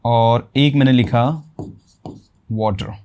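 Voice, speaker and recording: A man with a Hindi accent gives a classroom-style English grammar lesson, explaining in Hindi mixed with English terms. He asks rhetorical questions and then answers them himself. His medium-pitched voice has a darkish tone, and he speaks slowly.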